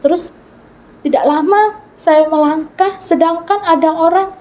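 A woman's voice: very high voice, measured pace, a little mellow, rough recording. A woman earnestly telling her personal conversion story in an interview, acting out the dialogue she recalls.

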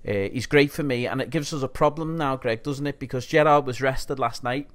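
A man's voice: medium pitch, a little fast. A man co-hosting a podcast, chatting casually about football and putting questions to his co-host.

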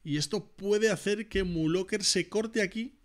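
A man from commentating live poker, excitable and bursting into shouts on big hands. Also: high voice, measured pace.

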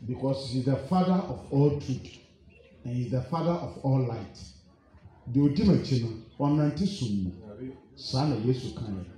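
A man's voice: mid-range voice, animated, moderate pace, dark tone. A man preaching a sermon as pastor, hammering the congregation with rhetorical questions. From Ghana. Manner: preaching, rhetorical questions, mixing English and Twi. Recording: echoey church hall.

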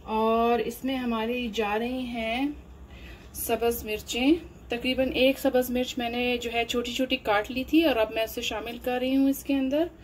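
A woman narrates a home cooking demonstration in a slightly high voice. She moves unhurriedly from step to step, padding her sentences with fillers. A faint room hum sits under the recording. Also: steady tone, low-quality recording. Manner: unhurried, explains each step with many fillers. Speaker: cooking channel host.

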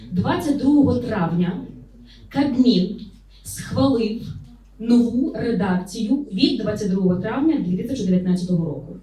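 A woman's voice: medium pitch, mellow, a little hiss or hum. A woman media trainer giving an interactive workshop on correct Ukrainian usage, quizzing her audience and correcting common mistakes, with a Ukrainian accent.

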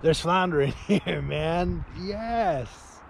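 Slow-talking man vlogging on a windy riverbank. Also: a little high, creaky, rough recording. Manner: laid-back, says "man" and "dude" a lot, excitable when he lands a fish. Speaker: angling vlogger. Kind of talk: casual fishing vlog. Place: outdoors on a grassy riverbank. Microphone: action camera held close or set nearby. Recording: outdoor wind and ambient noise.

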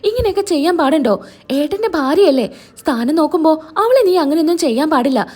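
Woman doing an auntie type, gentle tut-tutting scolding, high lively voice. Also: fast talker. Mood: reproachful. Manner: gentle, reproachful. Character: older aunt of the household, gently scolding.

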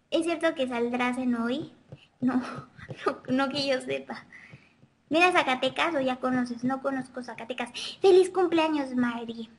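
On a casual live webcam stream, a woman vlogger reads and responds to viewer comments. She sounds high-pitched, childlike, and girlish, chatty and fast. Sound is picked up by a webcam microphone.

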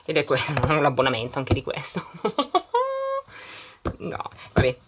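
A middle-aged woman with a notably low voice chats casually to her viewers while decorating her planner and unboxing a surprise bag. She rattles off long lists of greetings in an easygoing way. The home recording carries clear background noise. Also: fairly even intonation, moderate pace.

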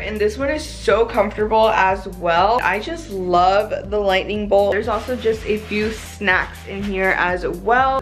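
A young woman vlogs in a bubbly, gushing sorority-girl style. Her voice sits at a middling pitch, and her casual chat is full of "like." Music plays behind her as she talks to camera in a small room. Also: fairly bright tone. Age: young adult. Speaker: vlogger. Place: small bedroom indoors.

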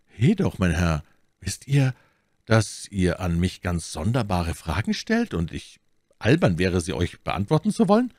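A man's voice: deep voice, big pitch swings, a little slow, darkish tone, no echo, clean studio sound, heavily acted. A man voicing a haughty, easily angered duke in an audiobook reading, exclaiming with raised indignation. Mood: indignant. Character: haughty English duke, middle-aged, imperious, easily angered. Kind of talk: audiobook character voice.

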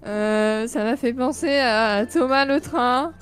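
An over-admiring, pretentious female judge in a comedy fashion contest, played by a woman. The voice is fairly high and very slow, halting and effusive, over faint music. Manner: halting, effusive, repetitive praise. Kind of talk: comedy role-play.

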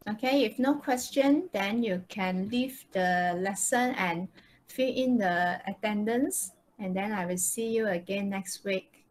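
Presenting slides on an online video call, a Malaysian-accented woman gives an informal live English class, frequently asking "okay" and "right?" to check understanding. Her mid-range voice moves a little slowly, and the recording quality is low.

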